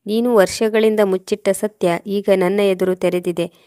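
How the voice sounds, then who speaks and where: A cold, betrayed husband levels accusation after accusation in an even, unbending tone, as a woman narrator reads him. The delivery stays level in pitch with little rise or fall. The recording is dry and close. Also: normal speed, no echo, natural voice. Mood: accusing. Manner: accusing, harsh.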